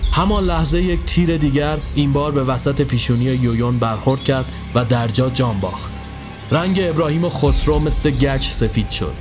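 A man giving a scripted narration of a horror story in a steady storytelling voice. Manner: steady storytelling, dropping low for tense moments. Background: faint music.

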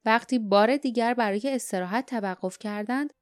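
A woman's voice: fairly high pitch, smooth, dry recording, studio quality. A woman narrating an audiobook in scripted storytelling style, sometimes giving characters' lines their own voices.

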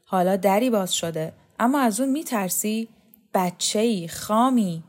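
A barefoot poet-magician of a storybook, calm and enigmatic, as a woman reader voices him. His words come gently and thoughtfully, philosophical and quietly commanding. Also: medium pitch, natural voice.

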